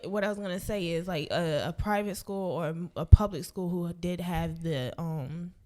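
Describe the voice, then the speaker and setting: Low-voiced young woman chatting candidly. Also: moderate pace, warm tone. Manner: candid, chatty, with many "like" fillers. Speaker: podcast co-host. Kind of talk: casual podcast chat.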